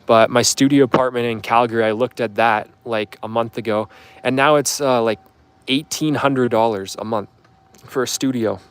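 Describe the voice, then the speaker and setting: A Canadian man in his twenties hosts a livestream, casually answering viewer questions in a rambling, offhand style packed with fillers. His mid-range voice is steady, clear and resonant at a moderate pace.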